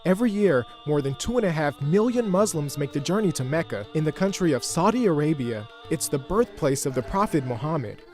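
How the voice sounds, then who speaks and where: Over a bed of soft music, a man presents a news feature, his tone informative and measured but very animated. His voice sits a touch higher than most men's.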